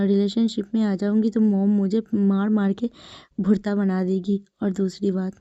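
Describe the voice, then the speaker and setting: A sharp-tongued, reluctant young man, as a woman storyteller plays him, mocking in a sing-song way. Her voice is dark and mellow, recorded dull and dry. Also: mid-range voice, no echo, close to an everyday voice.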